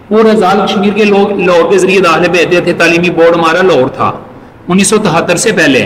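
A man teaching an exam-prep class, repeating each point and reading English lines slowly. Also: high-pitched, a bit bright. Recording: echoey hall with faint noise.

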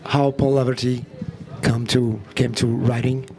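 A male moderator speaks at a medium pitch in halting, English. He repeats words as he introduces a guest and puts questions to him. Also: level tone, gravelly, a little mellow. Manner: halting, repeats words, non-native phrasing. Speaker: host, moderator. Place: outdoor terrace before a small audience.

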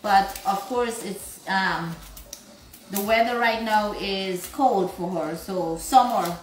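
A woman's voice: mid-range voice, takes it slowly, a little hiss or hum. A woman hosting a live cooking stream from her home kitchen, chatting to viewers and greeting them by where they are from. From Guyana. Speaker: cooking vlog host. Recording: roomy kitchen echo.

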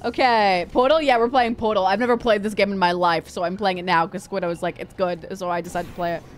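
A woman's voice: medium pitch, fairly even intonation, fast. Cute anime-streamer woman with faint game noise. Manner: mutters repeated phrases to herself. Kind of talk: casual livestream gameplay chatter.

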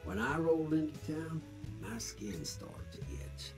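A man's voice: a little high, huge pitch swings, measured pace, creaky, heavily acted. A man voicing a friendly cowboy robot in a video game, with a Western US cowboy drawl and folksy, easygoing sayings. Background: game music.

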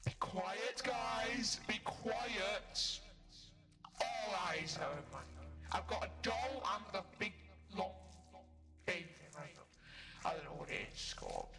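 High-voiced scared man streaming horror games, roomy sound. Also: takes it slowly, pushed and bright, soft background music. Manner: scared, exclaiming, stammering. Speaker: game streamer. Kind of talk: horror game playthrough commentary. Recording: roomy, reverberant, far from mic.

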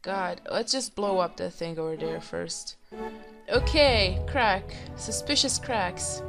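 Woman, let's play commentary, hoarse throat, slow drawn-out delivery, faint music underneath. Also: medium pitch. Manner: excitable, giggly, reacts with loud exclamations. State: hoarse, recovering from being sick. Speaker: gaming video host.

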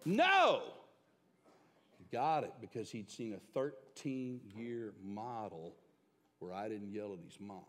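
A middle-aged man, a pastor, preaching a sermon with emphatic swings between loud and hushed delivery. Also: fairly low pitch, a little slow. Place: church sanctuary. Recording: long hall reverb.

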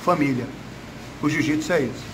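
A man's voice: on the high side, fairly quick, low-quality recording. A Brazilian man in his fifties, a coach giving casual interview answers in a gym with noise behind him. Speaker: jiu-jitsu coach. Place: indoors, gym room. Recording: noticeable background noise.

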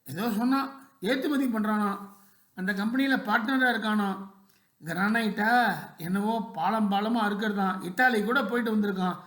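A storyteller voicing an elderly widowed mother, lonely and tender, in a soft and talkative way, recorded in a roomy space with echo. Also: mid-range voice, close to an everyday voice.

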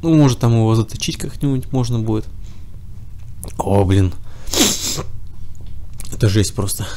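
A let's play gamer with a cold keeps up casual, unhurried commentary while he plays, chatting to himself and to the enemies on screen. His voice is on the low side, and the background is noisy.

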